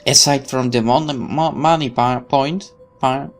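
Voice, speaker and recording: This gaming video host has a medium-pitched, fairly even voice and an unhurried delivery. Over music, he reads the game's text aloud expressively in a let's play, with stumbles and side comments.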